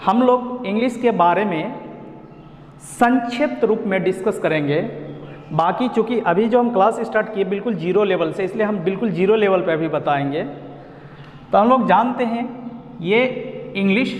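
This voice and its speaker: A man with a Bihar accent gives an online lesson, explaining pronunciation slowly and repeating himself. His voice sits high. The room is echoey, with a long reverb trailing behind him. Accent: Indian, Bihar. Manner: slow, repetitive explaining of pronunciation. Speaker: English teacher.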